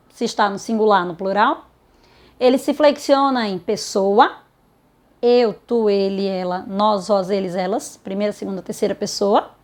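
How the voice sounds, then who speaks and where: A woman's voice: a little high, darkish tone. A woman teacher with a Brazilian Portuguese accent giving a grammar lesson. She asks questions, voices imagined students and answers them herself.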